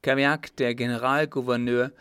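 A man's voice: mid-range voice, level tone, a little fast, fairly bright tone, clear, resonant tone, dry recording, natural voice. Male narrator voicing a young officer delivering urgent news in a storybook reading, dry close sound.

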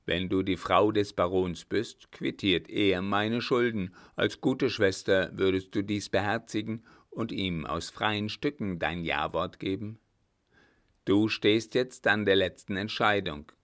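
A cold, heartless brother, blunt and pitiless, played by a man. His voice sits a little low for a man. It is a scene in an audiobook drama. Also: a little slow, a bit bright.

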